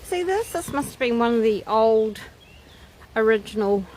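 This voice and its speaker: Here a woman with a rather high, expressive, slightly mellow voice talks at a normal speed while guiding a nature walk along a wooded trail. Her live commentary is relaxed and reflective, dotted with wondering exclamations. Birds sing through the outdoor ambience behind her.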